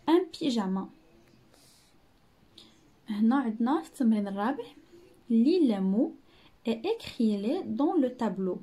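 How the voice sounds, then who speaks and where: A woman teacher with a Moroccan Arabic accent, explaining exercises patiently, repeating words and sounding out French syllables slowly. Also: fairly high pitch, warm tone, breathy edge. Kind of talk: classroom-style lesson narration.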